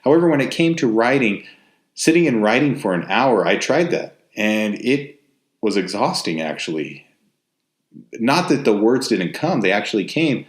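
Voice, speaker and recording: Male host, West Texas twang, lowish voice, casual and anecdotal, recorded in an echoey room. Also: very animated, moderate pace. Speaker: novelist and host. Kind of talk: casual, rambling spoken monologue. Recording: roomy, echoey sound.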